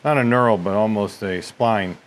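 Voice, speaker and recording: A man's voice: fairly low pitch, normal speed, a little hiss or hum. A man hosting a repair channel, casually demonstrating lathe work in his workshop and thinking aloud with folksy asides. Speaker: machine shop repair host.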